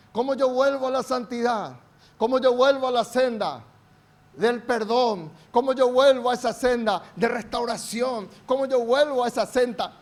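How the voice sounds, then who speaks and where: A male pastor with a Paraguayan Spanish accent, preaching a sermon with emphatic calls for the congregation to repeat after him and strings of rhetorical questions. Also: very high voice. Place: church service.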